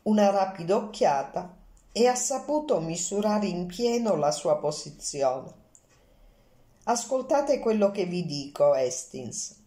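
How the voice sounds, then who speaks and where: A woman's voice: medium pitch, expressive, a little slow, warm tone, roomy sound, lightly acted. A woman reading Poirot, fussy and courteous. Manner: formal, polite, precise. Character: fussy, courteous middle-aged Belgian male detective.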